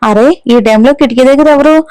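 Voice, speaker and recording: Brief: woman reading as a naive teasing young guy, bright smooth storybook voice. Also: high voice, normal speed, no echo, lightly acted, low-quality recording.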